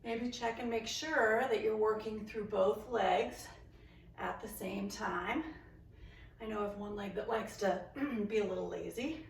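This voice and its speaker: A woman's voice: mid-range voice, measured pace, gravelly. Woman, workout instructor, counts reps, encouraging, roomy room, distant mic, faint background hum. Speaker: fitness instructor.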